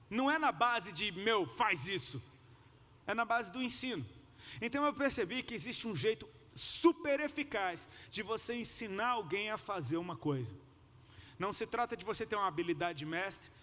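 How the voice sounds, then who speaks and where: In a large hall full of echo and noticeable background noise, a Brazilian man preaches in a bright, forceful high voice. His Brazilian Portuguese sermon is informal and slangy, built on personal anecdotes, and he gets the congregation to repeat phrases back.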